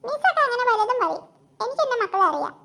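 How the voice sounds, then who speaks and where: A woman voicing a bold, protective mother of two schoolgirls in a cartoon, talking in a forceful, scolding way. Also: extremely high pitch, big pitch swings, quick pace, creaky, exaggerated voice. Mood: reassuring.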